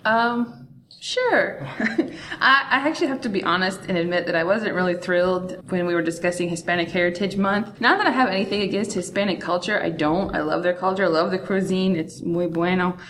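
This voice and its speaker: A woman's voice: fairly low pitch, brisk, fairly bright tone, a little hiss or hum. A woman co-hosting a podcast in casual conversation, chatty and self-deprecating. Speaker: podcast co-host. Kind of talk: casual chat.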